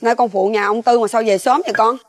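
Casting: an actress as a fretful Southern Vietnamese mother, slightly high voice, soft and pleading. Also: fairly even intonation, fast, natural voice. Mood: soothing. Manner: pleading, anxious, soft-spoken. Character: worried rural mother, middle-aged, pleading. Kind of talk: TV crime reenactment drama.

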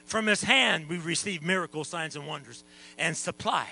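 A man preaching a revival sermon as pastor in a church, going from quiet talk to shouting. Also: fairly high pitch, moderate pace, vocal fry, slightly rough, rough recording. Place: church sanctuary.

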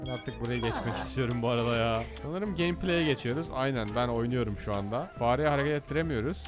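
A man commentating as he plays computer games, excitable and jokey, often shouting at the game. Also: medium pitch, fast, music in the background. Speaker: gaming YouTuber. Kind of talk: let's play commentary.

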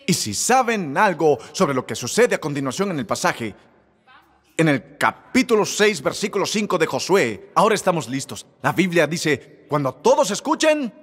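A man preaching a sermon as pastor, emphatic and shouting, leading the crowd in call-and-response. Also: on the high side, big pitch swings, normal speed, husky, big-room sound.

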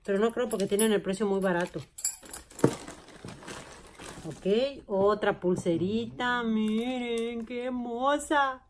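A woman's voice: medium pitch, takes it slowly, long pauses. Gushing woman unboxing finds, faint hiss. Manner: excitable, gushing, addresses viewers as "chicos". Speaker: vlogger. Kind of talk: casual unboxing vlog.

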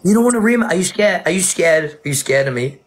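A man in his twenties loudly hyping a livestream battle, repeating his shout-outs, recorded on a phone's front camera. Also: high-pitched, animated, quick pace. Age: 20s. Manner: loud, pushy, repetitive hype. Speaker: livestream guest.

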